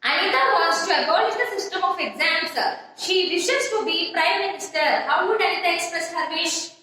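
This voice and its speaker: A woman's voice: extremely high pitch, moderate pace, bright, forceful tone. A woman teaching an English grammar lesson, repeating points, spelling words out letter by letter and checking with "yes?". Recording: echoey room, voice from far off.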